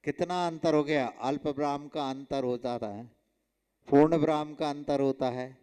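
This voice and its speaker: A man, a monk, teaching a religious class in a slow, emphatic way, repeating examples and putting questions to his students. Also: fairly high pitch, steady tone, warm tone, clean tone. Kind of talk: explanatory religious lesson. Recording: long hall reverb.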